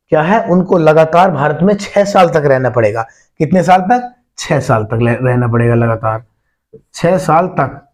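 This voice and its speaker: A man's voice: fairly high pitch, darkish tone. Man teaching, quizzing listeners. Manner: repeats key points, quizzes listeners with questions; addresses listeners as brother and friends. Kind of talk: exam-prep lesson.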